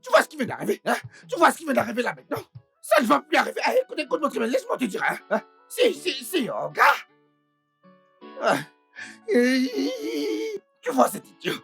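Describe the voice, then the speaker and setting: Woman dubbing a whiny, raspy male servant. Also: sits high, wildly swooping pitch, moderate pace, a bit bright, faint music behind, full character voice. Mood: scheming. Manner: stammering, wailing pleas. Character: whiny male house employee, grovelling, scheming. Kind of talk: French film dub.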